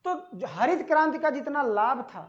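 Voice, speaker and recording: A man teaching an exam-prep lesson on agriculture, asking the class questions and answering them himself, stretching out key words slowly. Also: very high-pitched, lively intonation. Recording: dull lo-fi audio.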